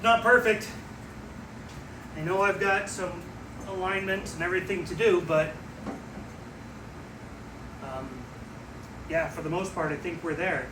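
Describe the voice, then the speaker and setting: A man's voice: sits high, measured pace, long pauses, noisy background. A man talking casually through his car restoration work in a home garage, with many ums and uhs. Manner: relaxed, lots of ums and uhs. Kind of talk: casual workshop commentary.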